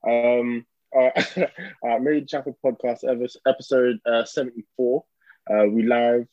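A man's voice: mid-range voice, fairly even intonation, normal speed, dry recording, muffled recording. A man with a London accent hosting a podcast in casual, slangy chat. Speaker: podcast host.

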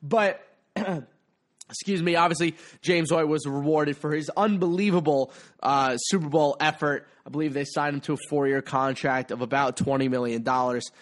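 Congested, higher-voiced man hosting a podcast. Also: moderate pace. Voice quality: congested, stuffy-nosed. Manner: chatty, playful, emphatic repetition. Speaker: podcast host. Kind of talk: casual sports commentary.

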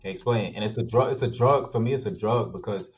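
Laid-back low-voiced male guest. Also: quick pace, dull audio, faint music behind. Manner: laid-back, slangy, repeats himself. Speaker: actor and filmmaker guest. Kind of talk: casual interview chat.

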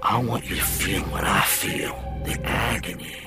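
A man's voice: fairly low pitch, a little slow, natural voice. A man voicing a sadistic, flesh-eating male monster who taunts in a singsong, whispery way. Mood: gloating. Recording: music underneath.

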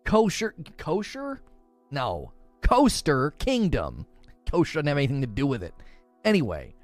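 A man's voice: mid-range voice, huge pitch swings, moderate pace, no echo, soft background music. A man from Northern Ohio on a live stream, bantering playfully with chat and laughing often. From Northern Ohio, USA. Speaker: gaming streamer.

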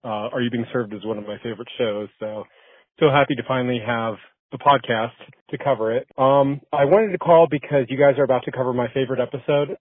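A man's voice: mid-range voice, dry recording. A man leaving a casual, chatty voice message for a podcast, with many ums and uhs. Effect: voice message played over a phone line. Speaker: podcast listener caller. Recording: tinny dry phone line.

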